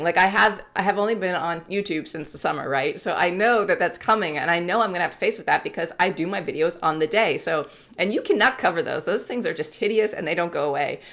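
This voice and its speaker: Chatty woman in her forties, candid vlogger talk, slightly low voice. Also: lively intonation, fast, a bit bright. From United States. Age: 40s. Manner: chatty, candid, laughs often. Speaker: YouTuber. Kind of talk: casual talk to camera.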